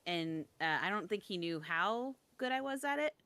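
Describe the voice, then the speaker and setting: A young woman with a bright, tense edge to her voice spins a story in casual chat. She pitches a little low, restarts her sentences often and pokes fun at herself, all in a dry, close sound. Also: expressive, clean tone, dry recording. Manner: storytelling, self-deprecating, quick restarts.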